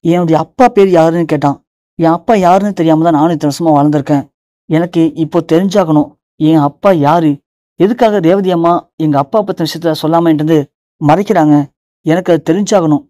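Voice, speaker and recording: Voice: mid-range voice, a little fast, dark tone, dry recording, clean studio sound, lightly acted. A narrator voicing a desperate young man pleading to learn who his father is. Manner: pleading, insistent.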